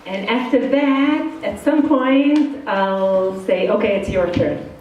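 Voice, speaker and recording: A middle-aged woman from Israel talks with an accent that blends Israeli and Brooklyn sounds, frank, casual and a little self-deprecating. She speaks in an ordinary middle pitch. Her voice carries from well away from the microphone in a strongly echoing hall, with a faint hiss underneath. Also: takes it slowly, dull audio. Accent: part Israeli, part Brooklyn. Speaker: guest speaker. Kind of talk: informal talk to students. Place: indoor study hall. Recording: very echoey hall, far from the mic.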